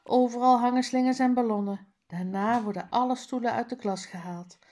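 A woman's voice: fairly high pitch, steady tone, normal speed, a little mellow. A woman reading a children's book aloud page by page, with careful word drills. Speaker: reader.

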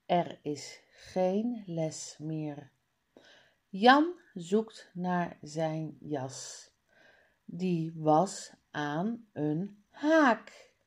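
A woman reading a simple children's book aloud, deliberately and clearly, announcing the page numbers. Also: on the low side, lively intonation. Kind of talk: slow read-aloud storytelling.

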